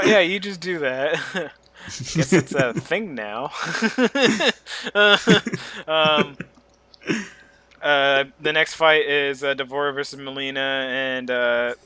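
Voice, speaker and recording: A man's voice: on the high side, smooth. A man co-hosting a podcast, chatting casually and retelling scenes with jokes and laughter. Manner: joking, animated retelling with laughs. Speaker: podcast co-host. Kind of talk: casual chat.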